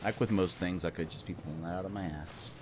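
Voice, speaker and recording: A man's voice: low voice, fairly even intonation, quick pace, background noise. A man giving casual gameplay commentary, rambling, joking and swearing freely. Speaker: let's play host.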